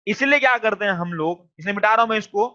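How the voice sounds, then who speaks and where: A man's voice: sits high, fast, bright, forceful tone. A man teaching a class online, mixing terms into his lecture and coaxing students to answer. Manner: coaxing, repeats questions to students. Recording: dull lo-fi sound.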